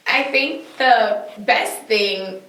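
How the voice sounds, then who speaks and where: A woman co-hosting a casual discussion, making her points with sharp rhetorical questions. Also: a little high, extremely slow. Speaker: podcast co-host. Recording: echoey room.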